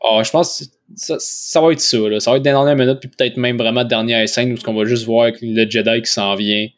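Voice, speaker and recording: A man's voice: mid-range voice, steady tone, fairly quick, no echo. A man with a Québécois French accent co-hosting a casual chat, talking informally with slang and some English words. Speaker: podcast co-host. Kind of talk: casual chat about a TV series.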